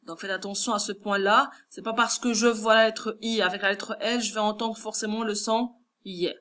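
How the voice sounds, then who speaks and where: A primary school teacher with a Moroccan French accent corrects a first-grade lesson, patiently sounding out words syllable by syllable. Her voice is medium-pitched, steady and fairly bright, at a moderate pace.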